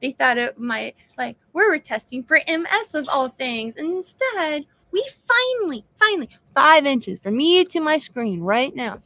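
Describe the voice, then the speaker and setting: A woman in her thirties talks to her camera in a high voice, exasperated and exhausted. She vents in bursts, trailing off, sighing and starting her sentences over. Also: bright, forceful tone, no room sound. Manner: venting, exasperated, restarts and sighs. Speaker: vlogger sharing a health update. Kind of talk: frustrated personal vlog.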